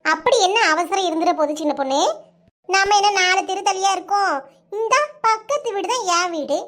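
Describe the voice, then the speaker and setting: A bossy cartoon village mother with a Kanyakumari Tamil accent, as a woman plays her, her voice pitched extremely high. She scolds and lectures in loud, rapid village banter. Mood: chiding. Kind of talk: cartoon voice acting.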